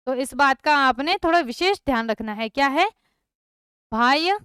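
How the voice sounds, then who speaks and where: A woman's voice: high-pitched, expressive, brisk, sharp tone, no room sound. A young woman teaching a chemistry lesson online, often asking her students questions and checking that they follow along. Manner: repeats questions to students, frequent checks like "thik hai". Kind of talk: online class lecture.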